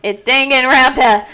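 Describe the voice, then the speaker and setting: A woman's voice: high-pitched, sharp tone. Chatty woman streamer. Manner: casual, chatty, laughs often. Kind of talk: reading a story game aloud with commentary.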